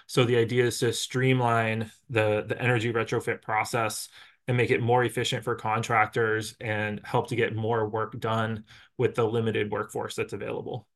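A middle-aged man, a college energy director, explaining at a measured pace with frequent pauses and fillers. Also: on the low side, level tone, fairly bright tone. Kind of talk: explaining in an interview.

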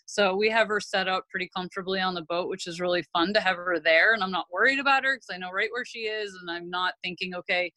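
Middle-aged fisherwoman, panel guest; lowish bright voice, close and dry, easygoing and rambling. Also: quick pace, few pauses, no room sound, rough recording. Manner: relaxed, rambling, with many "you know"s. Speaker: lobster fisherman and boat captain. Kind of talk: panel discussion.

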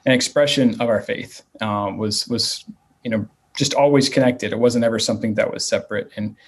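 Brisk, with a breathy edge and a lowish, fairly even voice, this nonprofit leader in his thirties from the Virginia / West Virginia area is being interviewed. He answers haltingly, filling gaps and starting over often.

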